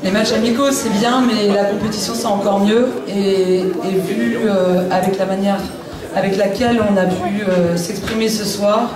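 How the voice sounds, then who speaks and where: High-pitched man in very echoey hall. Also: steady tone, normal speed. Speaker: club speaker and translator. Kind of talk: informal post-match address. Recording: very echoey hall, distant mic, crowd.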